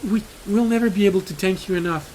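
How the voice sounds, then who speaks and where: A man's voice: high voice, quick pace, a little mellow, slight background noise, voice pushed up, natural voice, low-quality recording. A man doing an effusively grateful townsman. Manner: effusive, breathless thanks. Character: grateful rescued male townsman.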